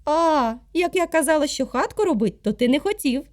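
A woman voicing a little female calf in a folk tale, talking in a reproachful, high and loud way. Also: animated, normal speed. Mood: scolding. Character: scolding little female calf, bare and cold. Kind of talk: storybook character voice.

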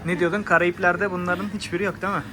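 A man's voice: high voice, flat delivery, fast, noisy background. A man hosting a travel vlog, narrating and chatting casually to the camera and his companion. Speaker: vlog host. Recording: loud music behind the voice. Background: music.

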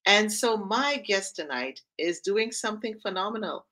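This mental fitness coach and talk show host, middle-aged and of Trinidad and Tobago heritage, interviews a guest by video call from her home. A slight Trinidadian accent colors her mid-range voice, which is animated, bright and forceful at a normal pace. Her hosting is warm, upbeat, enthusiastic and encouraging.

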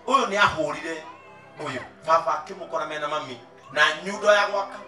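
A man in his thirties preaching in a large outdoor tent on a handheld mic. He tells stories and then shouts his sermon points. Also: a little high, fast talker, recorded from a distance. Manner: switches from storytelling to shouted preaching. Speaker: pastor. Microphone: handheld mic, pacing the stage. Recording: roomy tent sound, off mic, faint music and crowd.

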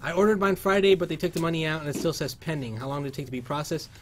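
With soft background music in an indoor workshop studio, a Cuban man in his thirties races through a casual livestream, reading chat aloud over a headset. His fairly high voice keeps fairly even intonation, and he's upbeat, singing along at times.

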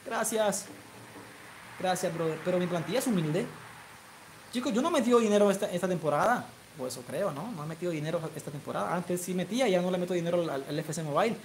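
This young Colombian Caribbean coast gamer talks fast and animated in a high-sitting voice with a coastal Colombian Spanish accent, chatting with viewers while calling a football video game match live. His pitch climbs on shouted goal calls, and there's slight background noise.

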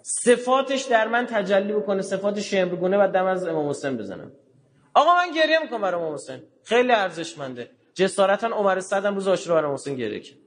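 A man giving a religious lecture in a colloquial way, telling stories and acting out the dialogue, with sudden low, quiet asides. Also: big pitch swings. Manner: colloquial, acts out dialogue in quotes.

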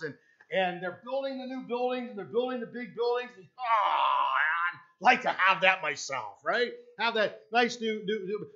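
An older Canadian pastor preaches a sermon in a church sanctuary, his pushed, bright voice high for a man. He talks loosely and conversationally, restarting phrases and checking in with "right?", often walking away from the podium mic, so the recording sounds a little dull and lo-fi.

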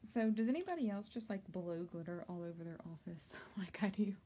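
In her home craft office, a young woman doing a tumbler tutorial chats casually on a live stream while crafting, answering viewers and laughing often. Her medium-pitched voice is expressive, brisk, and dark-toned, with slight background noise.

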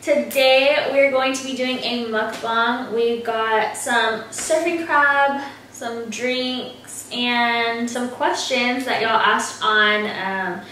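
A woman's voice: on the high side, slow, few pauses, recorded from a distance, a little hiss or hum. Young woman chatting over food in an echoey room. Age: young adult. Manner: relaxed, chatty, with frequent fillers. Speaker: vlogger and hairstylist. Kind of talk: casual chat over a meal. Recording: roomy echo from off-mic.

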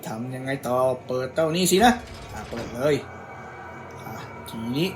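A man's voice: medium pitch, fairly quick, music in the background. A young man casually commentating a game he is playing, teasing the enemies in a playful way. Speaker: gaming YouTuber. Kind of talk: casual let's-play commentary.

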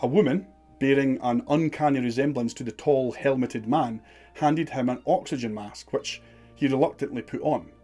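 A man's voice: medium pitch, normal speed, warm tone, soft background music. A man giving scripted documentary narration in a dramatic, suspenseful storytelling manner.

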